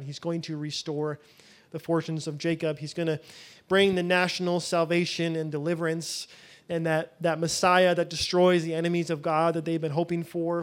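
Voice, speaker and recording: A man teaching a Bible session in a loose, conversational way, thinking aloud as he goes. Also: on the high side.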